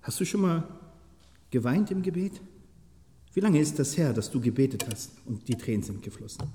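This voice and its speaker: A man preaching a sermon with passion, moving from quiet, searching questions to loud, pleading outbursts and putting questions straight to his listeners. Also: medium pitch, big pitch swings, moderate pace. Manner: impassioned, swings from soft to loud shouting; asks the listeners many direct questions. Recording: long hall reverb.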